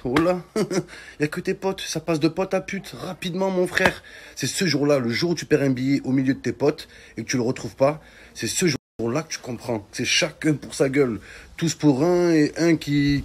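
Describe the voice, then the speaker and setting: Using street slang, a man who does comedy online spins funny tales with exclamations and mock outrage. His voice is a little high and moves at normal speed, with obvious background noise.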